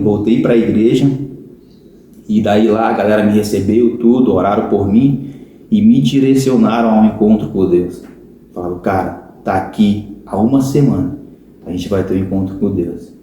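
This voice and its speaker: A man's voice: fairly low pitch, moderate pace, mellow, a little hiss or hum. A man with a Brazilian Portuguese accent, a podcast guest telling a personal conversion testimony in an earnest storytelling way, often calling his listener "cara". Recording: very echoey room.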